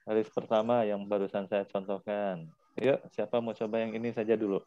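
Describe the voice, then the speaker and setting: A man's voice: lowish voice, little pitch movement, a little fast, muffled recording. A man teaching Arabic in an online class, patiently repeating words for his students to drill.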